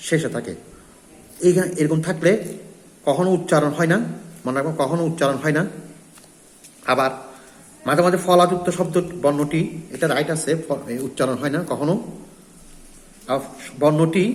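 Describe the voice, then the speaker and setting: A man teaching a recorded lesson with a Bangladeshi Bengali accent, going over pronunciation rules with emphatic, repetitive explanations. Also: fairly high pitch. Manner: repetitive, emphatic instructional delivery. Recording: echoey room with long reverb.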